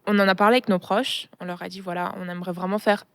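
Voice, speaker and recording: A young woman from France telling her story as a guest in a casual, animated interview chat. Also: mid-range voice, clean tone, dry recording. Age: young adult. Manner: animated storytelling, quick and chatty.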